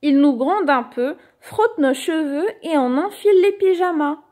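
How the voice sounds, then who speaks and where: A woman reads a children's picture book aloud, her voice sitting high and bright in pitch. She takes her time, unhurried and gentle, and gives the lines an expressive, animated bedtime-story lilt.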